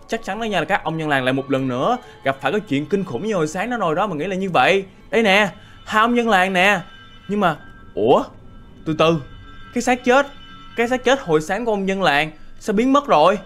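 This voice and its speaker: A man giving animated, exclaiming horror game commentary straight to his viewers. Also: on the high side. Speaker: gaming YouTuber.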